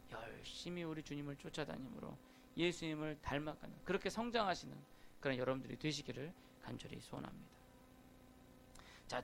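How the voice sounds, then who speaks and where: 높고 거친 목소리의 설교하는 남자 목사. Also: male voice, high-pitched, creaky, a bit bright. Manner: conversational preaching with frequent call-outs to the congregation. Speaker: pastor. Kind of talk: sermon. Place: church sanctuary.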